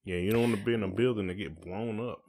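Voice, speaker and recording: With a lowish, darkish voice and a fast delivery, this middle-aged American podcast host chats casually. He comes across as colloquial, conversational and reflective.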